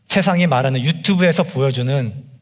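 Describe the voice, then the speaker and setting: A young adult man preaching a sermon as a junior pastor, emphatic and impassioned, rising to cries then dropping low. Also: brisk, long reverb tail. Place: church sanctuary.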